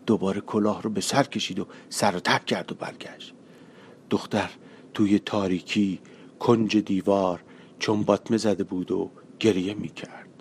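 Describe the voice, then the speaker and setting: A man narrating a short story for an audiobook in a measured, colloquial storytelling manner. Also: fairly low pitch, slight background noise.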